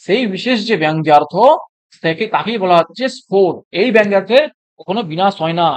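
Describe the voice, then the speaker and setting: A teacher giving an exam-prep lecture. The teacher asks a question and then answers it, and recites Sanskrit lines slowly. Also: mid-range voice, animated.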